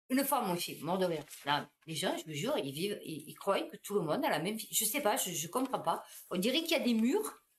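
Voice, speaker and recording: A woman, a supermarket cashier, telling anecdotes in a casual, animated monologue. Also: medium pitch.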